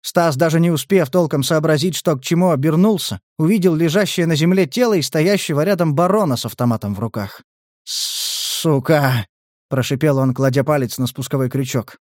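A man narrating an audiobook in an expressive, vivid manner. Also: fairly high pitch, fast talker, few pauses, no echo, clean studio sound.

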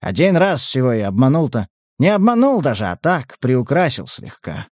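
A man voicing a calm, dry-spoken male collector in an audiobook. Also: mid-range voice, moderate pace, no echo.

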